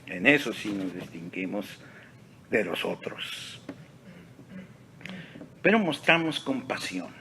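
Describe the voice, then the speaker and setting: A male pastor preaching a sermon in a church sanctuary, slow and deliberate, dropping to near-whispers and rising to emphatic peaks. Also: mid-range voice, sharp tone, slight background noise. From Texas.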